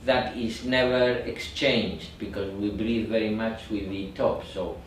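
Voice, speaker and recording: Man, meditation teacher, slow and halting, echoey room, distant mic. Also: on the low side, steady tone, a little hiss or hum. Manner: slow, repetitive, searching for words. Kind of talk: guided meditation instruction.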